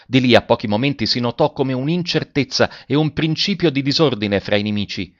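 Male narrator, audiobook reading, measured expressive delivery, dry close sound, muffled lo-fi quality. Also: mid-range voice, no room sound. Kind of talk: audiobook reading of a classic story. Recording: dull lo-fi dry recording.

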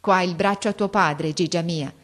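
An emotional, exclamatory father of humble means bursts with gratitude, as a woman reading the story voices him. His lines come out raised and loud, full of fervor. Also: lowish voice, normal speed, lightly acted. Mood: effusive, grateful. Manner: effusive and exclamatory. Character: poor, emotional, grateful working-class father, a gardener.

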